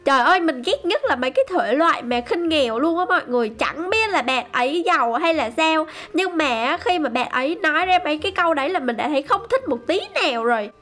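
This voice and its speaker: A woman giving excited, chatty game commentary to her viewers. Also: high voice, fast, hardly any pauses, faint music behind. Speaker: gaming YouTuber.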